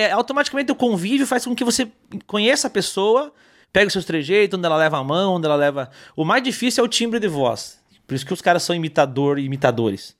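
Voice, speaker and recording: A man with a high, bright-sounding voice tells funny stories in a relaxed interview. He talks in animated bursts, full of energy. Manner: animated storytelling, lively. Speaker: comedian guest. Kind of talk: casual interview chat.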